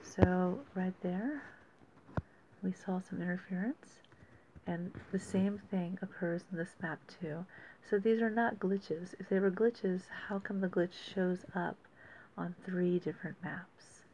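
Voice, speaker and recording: A woman giving casual, unscripted commentary as host of an amateur weather report, speaking haltingly and thinking aloud with pauses. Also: lowish voice, mellow. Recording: dull lo-fi audio with faint noise.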